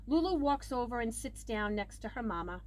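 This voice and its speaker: A woman with a fairly high voice reads a children's picture book aloud a little fast, expressively stressing key words and shifting her volume. Background noise is clearly audible.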